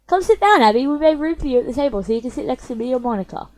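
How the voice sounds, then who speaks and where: A woman's voice: high-pitched, animated, rapid-fire, a little mellow. A woman voicing a bubbly, cheerful teenage schoolgirl in a visual novel game. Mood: welcoming.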